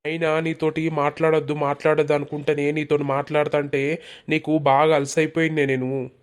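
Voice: medium pitch, level tone, brisk, clean tone, close to an everyday voice. A performer doing Raju, a hurt village man. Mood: scolding. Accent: Telangana Telugu. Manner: reproachful, pleading, repetitive. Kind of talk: animated village comedy dialogue.

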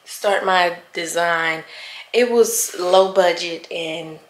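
A woman's voice: fairly low pitch, slow pace, noisy background. A woman chatting casually to her viewers as she fixes up a room at home. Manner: chatty, talks straight to viewers. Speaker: home renovation vlogger. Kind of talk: casual vlog chat. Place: at home, indoors.

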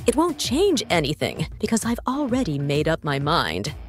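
A woman's voice: deep voice, huge pitch swings, normal speed, faint music behind. Joy, a woman doing a gushing cartoon emotion. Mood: bossy. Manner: sweet, gushing, hesitant stammers. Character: bubbly female emotion Joy, sugary and pushy. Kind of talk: fan comic dub.

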